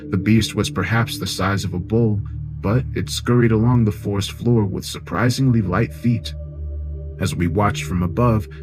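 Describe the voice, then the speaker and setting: A man narrating a science fiction horror story in a measured, grave tone, with music behind. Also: on the low side.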